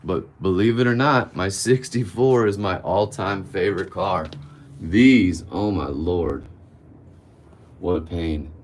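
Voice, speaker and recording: A man of about fifty with a low-pitched voice speaks slowly, with a little hiss or hum in the recording. He hosts a casual livestream Q&A answering viewer questions, candid and blunt, rambling and swearing casually.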